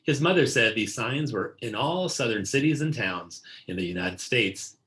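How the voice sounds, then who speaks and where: A man reads a picture book aloud for children in a medium-pitched voice. His delivery is deliberate and scripted, with key words given clear emphasis. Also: expressive, fairly bright tone. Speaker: read-aloud narrator.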